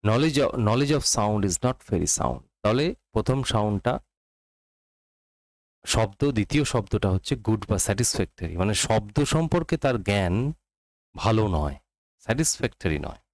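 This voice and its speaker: A man with a Bengali accent teaching English literature for exams, reading quotations slowly and explaining quickly in Bengali mixed with English. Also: fairly low pitch, sing-song, dry recording, rough recording. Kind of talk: exam-prep literature lesson.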